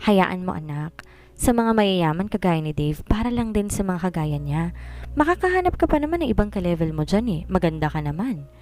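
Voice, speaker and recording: A woman's voice: lowish voice, very animated, normal speed, a little mellow. A woman reading as a cold, scornful rich mother. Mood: condescending. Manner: condescending, dismissive. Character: cold, scornful wealthy middle-aged mother. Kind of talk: storybook read-aloud.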